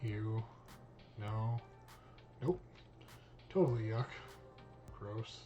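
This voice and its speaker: A streamer reading a visual novel aloud, voicing all parts in a casual, cursing manner. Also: male voice, fairly low pitch, drawn-out words, dark tone, lo-fi sound, soft background music. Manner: casual, reads all parts, drops in swear words.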